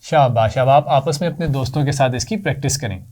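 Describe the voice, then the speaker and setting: Patient man teaching children to read. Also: mid-range voice. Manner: patient, repeats sounds slowly and loudly for children to copy; warmly praises the pupils. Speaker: Quran reading teacher for children. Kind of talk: children's lesson.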